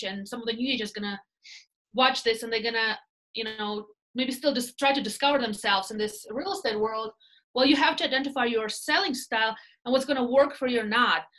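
In a casual interview chat over a laptop webcam video call, a Russian-accented woman in her thirties, guesting from a small indoor room, describes her work leading a real estate team. Her voice sits on the high side and her delivery is brisk. She's animated, gestures as she tells stories and often adds "right?"

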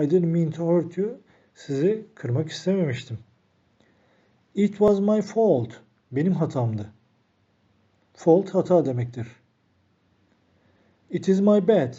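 Dark-voiced male English teacher. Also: a little high, breathy edge. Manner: reads English phrases in a raised voice, then explains them calmly; addresses the viewers as "friends". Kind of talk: recorded language lesson. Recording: dull lo-fi recording.

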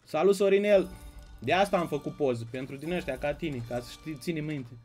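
A man's voice: fairly high pitch, a little mellow, faint music behind. A man from Romania hosting a casual live stream, greeting viewers by name and bantering with the chat. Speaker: slots streamer.

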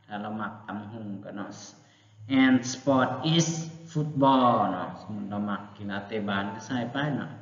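A man from Laos teaching beginner English, who repeats each English word slowly and drills the phrases. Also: medium pitch. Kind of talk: beginner language lesson. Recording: echoey, dull lo-fi room recording.

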